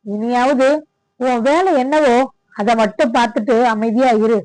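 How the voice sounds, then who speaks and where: A woman's voice: a little high, a little slow, a little mellow, no echo, natural voice, rough recording. A woman voicing a stern young husband who speaks in a firm, warning way. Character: stern young man Akash, warning his wife.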